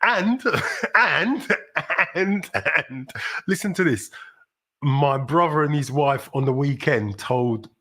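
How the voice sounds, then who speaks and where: Here the same kind of host, a middle-aged South Londoner with a London accent, sounds a little high, animated and sharp, slightly rough, taking it slowly with frequent pauses. He rambles chattily through a casual livestream, breaking into sudden upbeat exclamations.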